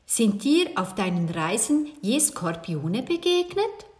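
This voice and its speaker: A woman's voice: on the high side, sing-song, slow pace. A woman voicing a curious, adventurous young girl in a children's audiobook. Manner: inquisitive, eager.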